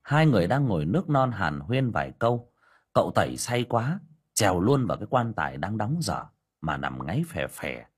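A man narrating an audiobook story in a colloquial, lively storytelling manner. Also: on the low side, normal speed, breathy edge.

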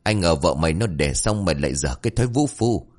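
A man's voice: sits low, expressive, fast. A man doing Bà Khẩy, a brash old village mother-in-law. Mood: furious. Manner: shouting curses.

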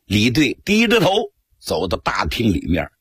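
A man telling a traditional story for radio, animated and acting out each voice. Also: fairly low pitch, unhurried, slightly rough, no room sound, studio quality.

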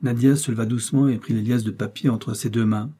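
A man narrating a novel in an even, measured audiobook reading. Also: mid-range voice, breathy edge.

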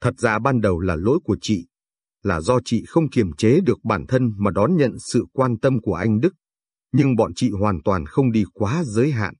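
A man voicing a meek, self-blaming pregnant young wife in a storybook reading, softly reassuring. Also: fairly low pitch, expressive, normal speed, husky, no room sound. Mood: resigned. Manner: soft, resigned reassurance.

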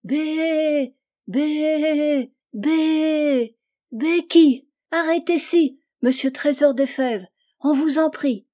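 A woman's voice: high voice, very slow, mellow, pitched above the performer's own voice. Woman doing a bleating mother goat. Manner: bleating, pleading.

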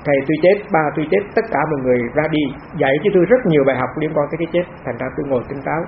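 A man's voice: a little high, rapid-fire, creaky. A man, a monk giving a plain, repetitive, conversational Dharma talk at a meditation retreat. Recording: dull lo-fi talk recording with faint noise.

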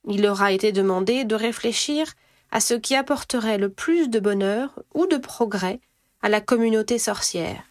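A woman's voice: mid-range voice, lively intonation, normal speed, a little mellow, dry recording, clean studio sound, natural voice. A woman reading aloud voices a grand headmistress who makes a formal announcement in a chanting, stately way. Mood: solemn.

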